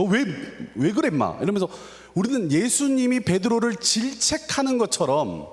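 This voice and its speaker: A man preaching a sermon as a pastor, talking with dramatic swings in his voice. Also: medium pitch. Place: church sanctuary. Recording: reverberant church hall.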